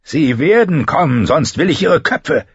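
A man doing a bellowing gruff knight. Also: a little high, very animated, unhurried, no echo, muffled recording, pitched above the performer's own voice, heavily acted. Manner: shouting, commanding.

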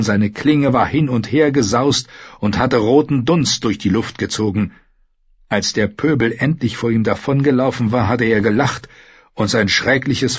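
Male audiobook narrator, low and husky, dry and dull recording. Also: no echo. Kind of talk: scripted narration.

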